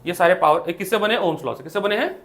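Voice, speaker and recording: High-voiced Indian man teaching physics. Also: lively intonation, quick pace, fairly bright tone. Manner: asks questions and answers them himself. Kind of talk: classroom lecture. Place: classroom with students.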